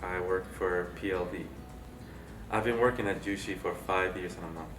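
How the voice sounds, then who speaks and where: Deep-voiced man from Peru. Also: moderate pace. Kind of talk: employee interview. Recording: roomy, distant mic, music behind.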